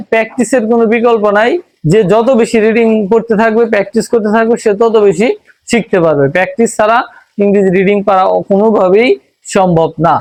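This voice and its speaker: A man's voice: sits high, a little mellow. A man with a Bangladeshi accent teaching English reading in a phonics lesson, patiently spelling out letters and sounds. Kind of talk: Bengali-language phonics lesson.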